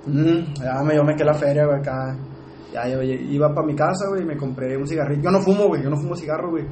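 A man's voice: on the high side, fairly even intonation, quick pace, warm tone. A young man with a Mexican accent telling a personal story in casual, slangy podcast chat. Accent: Mexican Spanish. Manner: slangy, peppers every line with "güey". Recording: echoey room with background noise.

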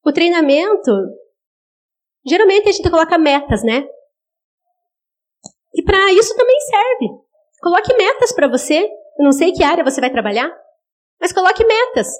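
A woman delivers a sermon with a high, bright-toned voice. She speaks earnestly and directly to her listeners, asking rhetorical questions. Now and then she acts out what they might say in quoted asides. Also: sing-song, normal speed, long pauses. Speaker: preacher.

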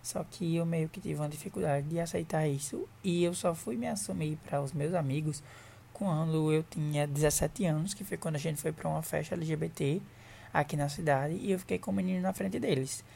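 A man's voice: a little high, fairly quick, vocal fry, dark tone, a little hiss or hum. A man, talking matter-of-factly as a podcast guest. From Mossoró, Brazil. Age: 20s.

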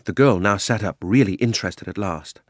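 A man narrating a children's story in a gentle, unhurried way. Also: fairly low pitch, no echo, studio quality. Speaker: audiobook narrator. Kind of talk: storybook reading.

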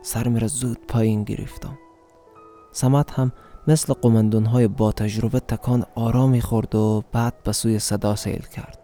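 Dark-voiced man with an Afghan accent reading a story. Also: fairly low pitch, fairly even intonation, soft background music. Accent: Afghan Dari. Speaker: narrator.

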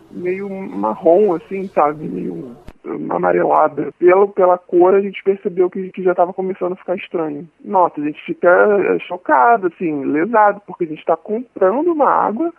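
A man interviewed by a news radio station as a listener, speaking through a voice distortion that hides his identity, halting and repeating words. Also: sits high, creaky, dry recording. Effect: voice distorted to hide identity. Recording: tinny phone-like line.

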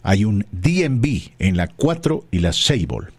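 A man's voice: on the low side, sing-song, a little slow, slightly rough, no room sound. A man hosting a call-in radio talk show, speaking in formal, wordy phrases with frequent fillers.

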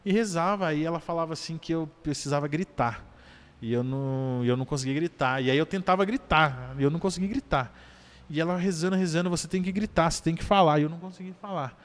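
A man with a Brazilian accent, a podcast guest, telling a personal story in an animated way and tagging his sentences with little checks to the listener. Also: on the high side, quick pace. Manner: animated storyteller, keeps adding "né?".

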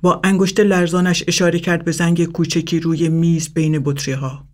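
Man calmly narrating a story. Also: on the high side.

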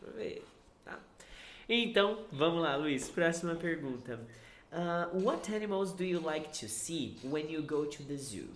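A man's voice: fairly high pitch, lively intonation, a little slow, fairly bright tone. Joking Brazilian man teaching English. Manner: joking, teasing, laughs often. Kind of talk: casual live English class. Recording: echoey room with faint background noise.

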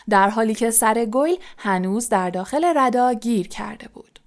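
A woman narrating an audiobook in a soft, breathy delivery. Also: mid-range voice.

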